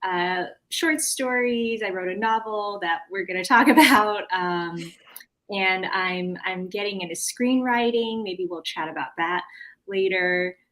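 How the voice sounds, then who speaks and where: An American woman from California, with a mid-range, slightly bright voice, speaks unhurriedly as an interview guest on a rough recording. She chats casually, often cutting herself off while she searches for words.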